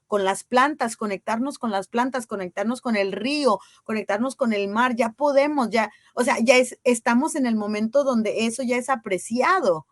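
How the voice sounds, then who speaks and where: A woman speaks as a guest in a casual interview. Her voice sits fairly high and sounds dry and close. She talks earnestly and with emphasis, often asking rhetorical questions. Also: moderate pace, hardly any pauses, dry recording. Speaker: guest on women's ceremonial circles.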